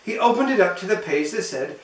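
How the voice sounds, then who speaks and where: Reading a storybook to young children as the host, a man with a high, expressive voice narrates briskly and playfully. The mic sits some distance away, leaving a roomy echo.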